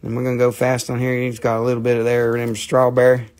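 This mineral seller from the southern US talks fast in a mid-range, monotone, slightly mellow voice during his live sales stream. Surrounded by a table of specimens indoors, he lifts stones to the camera, rambling, joking, cursing, and doing playful fake accents.

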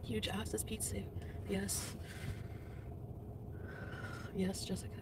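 A woman's voice: mid-range voice, level tone, slow, very noisy. A woman chatting casually with her livestream viewers, tearful and emotional after crying, greeting people by name. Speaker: livestream vlogger. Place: in a car, driving.

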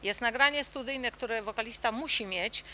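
A middle-aged woman who leads a children's song group answers interview questions in a thoughtful way, pausing often with fillers and restarts. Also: on the high side, bright, forceful tone, slight background noise.

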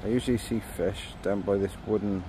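A man in his thirties, a fishing vlogger, chats to a phone or action camera held at arm's length in riverside woodland, narrating his trip. His lowish voice moves a little fast, relaxed and rambling with plenty of ums, and there's background noise.

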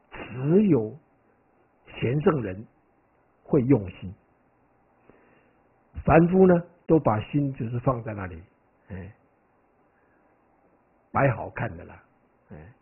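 Male monk-lecturer, conversational and digressive, expressive voice, lo-fi phone-quality audio. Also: mid-range voice. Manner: conversational, keeps asking "right?"; animated, digressive storytelling. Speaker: Buddhist monk teaching. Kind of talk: dharma lecture. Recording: tinny, phone-like lo-fi recording.

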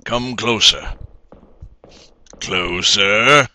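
A man voicing a grand, sinister old king in a booming villain monologue for a video game. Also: extremely slow, pushed and bright, exaggerated voice. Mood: grand, ominous.

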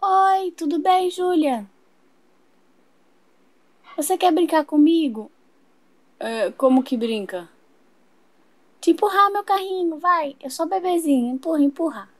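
A woman's voice: lively intonation, unhurried, pauses often. A woman voicing a playful toddler girl toy who talks in a babyish way. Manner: squeaky, babyish.

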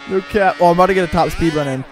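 A young man chatting casually while gaming with a friend, excitable and full of frat-bro slang. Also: high voice, very fast, soft background music. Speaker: gamer. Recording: clear background noise, game engine sounds.

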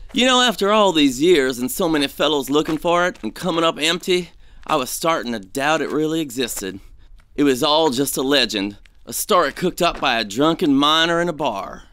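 In an audio drama, an actor plays an uneasy, superstitious male gold prospector with a slightly high voice. He speaks in a folksy, hesitant, excitable way, sounding full of wonder.

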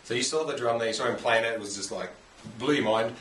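A man's voice: medium pitch, fast talker, a bit bright. An Australian man hosting a casual interview, chatty and easygoing, recorded in a home workshop. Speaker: interview host. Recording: echoey room, mic at a distance, faint background hiss.

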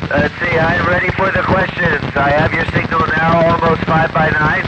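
A man's voice: a little high, level tone, normal speed, dull audio. Astronaut man crackling over a radio. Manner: formal radio protocol, call signs and "over". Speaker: astronaut on the space station. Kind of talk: amateur radio contact with a school. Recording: static-heavy radio transmission.

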